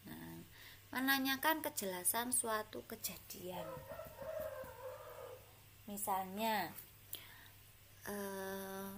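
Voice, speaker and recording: This is an Indonesian woman teaching young pupils, talking slowly and leaving pauses between her examples. Her voice is bright and clear. A faint hum of the room sits behind her. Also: mid-range voice. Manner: patient, talks to pupils with many examples and fillers. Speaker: primary school teacher. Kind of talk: slow classroom explanation.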